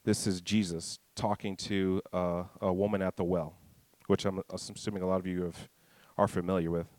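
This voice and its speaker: Low-voiced, casual male preacher. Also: level tone, darkish tone, no echo. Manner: informal, with restarts and asides, reads scripture slowly. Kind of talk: conversational Bible teaching.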